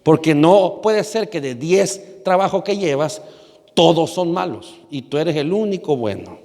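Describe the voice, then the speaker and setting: A man's voice: fairly high pitch, expressive, unhurried, darkish tone, big-room sound. A man from Argentina, a pastor, giving a conversational sermon, often asking his congregation questions and hesitating with fillers.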